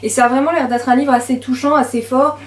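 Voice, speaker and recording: Young woman, book vlogger, chatty and hesitant, higher voice, roomy sound. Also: fairly even intonation, fast. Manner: chatty, many fillers and hesitations. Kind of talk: casual chat to camera.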